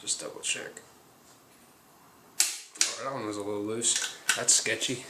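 A man's voice: lowish voice, fairly even intonation, a little slow. Young man, laddish bro talk, casual swearing, mechanic vlog chat, noisy garage with clattering. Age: young adult. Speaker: car channel host and mechanic. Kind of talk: casual chat while working on a car. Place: home garage. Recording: clattering tools and noise in garage.

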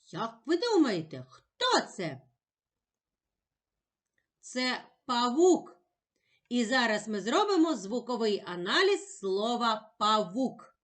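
A woman teacher giving a patient, encouraging lesson for young children, sounding words out slowly and carefully. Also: a little high, sing-song, a bit bright. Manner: slow, carefully sounded-out speech.

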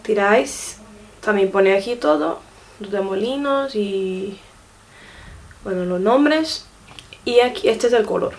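A woman casually reviewing makeup gifts, showing each item to the camera and often checking in with her viewers. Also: mid-range voice. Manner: chatty, often checks in with a quick question tag; shows items to the camera while talking. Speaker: beauty vlogger.

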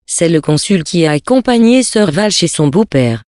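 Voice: medium pitch, sing-song, moderate pace, darkish tone, no room sound, natural voice. Brief: matter-of-fact office clerk, read by the narrator, plain and polite, dry sound.

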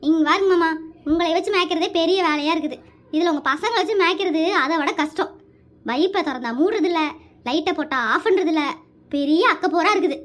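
A woman voicing a strict, fed-up mother in a cartoon family comedy who scolds her sons with a sharp tongue. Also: extremely high pitch, a little fast. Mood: scolding.

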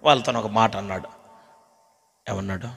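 A male pastor preaching with call-and-response, swinging between loud shouts and hushed whispers, and calling on the congregation to repeat after him. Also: lowish voice, normal speed, gravelly, in a large hall. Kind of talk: Telugu sermon with call-and-response.

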